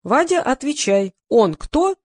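A woman's voice: high voice, big pitch swings, slow pace, slightly rough, no room sound, clean studio sound, voice pushed up, heavily acted. A woman voicing a jokey, pushy male film director in an audiobook, teasing and clowning. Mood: singsong clowning. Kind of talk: audiobook reading.

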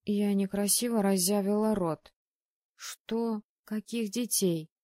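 A woman reading a first-person audiobook in a lively, expressive way. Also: medium pitch, slow, no room sound, studio quality. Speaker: audiobook narrator.

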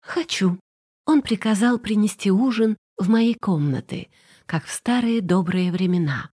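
Woman narrator for audiobook fiction, mellow tone, a little husky, even storytelling delivery. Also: medium pitch, normal speed. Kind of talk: scripted narration.

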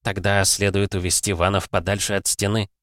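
A man's voice: sits low, level tone, a little fast, a bit bright, dry recording, clean studio sound. A man voicing a loyal, deferential young battle mage.

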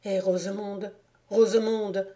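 A woman reading a hushed, anguished young man. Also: lowish voice, fairly even intonation, slow. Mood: desperate. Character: anguished young man calling to his dead mother.

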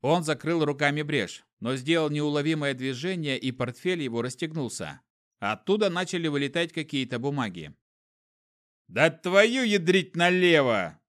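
A man narrating a fantasy novel as an audiobook reader, lively and expressive. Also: on the high side, moderate pace.

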